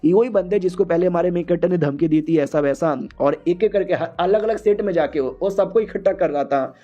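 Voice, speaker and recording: A man's voice: high voice, a little fast, dark tone. A man retelling a manga story in a chatty, casual recap style, talking to his viewers. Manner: chatty, talks to the audience as "our main character". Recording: muffled lo-fi audio.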